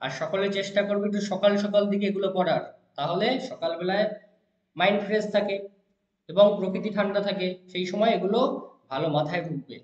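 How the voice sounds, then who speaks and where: A male teacher giving a lesson, reciting word forms slowly in a chant and answering his own questions. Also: high voice. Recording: echoey room, dull lo-fi sound.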